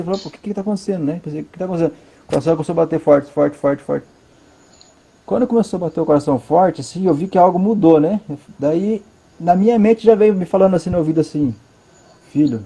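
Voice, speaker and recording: A man with a Brazilian Portuguese accent tells his story in earnest from his living room. He pauses often and repeats words to stress them. His voice sits a bit high but sounds soft and mellow. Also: breathy edge. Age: adult, father of a five-year-old. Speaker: interview guest. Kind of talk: personal testimony in conversation.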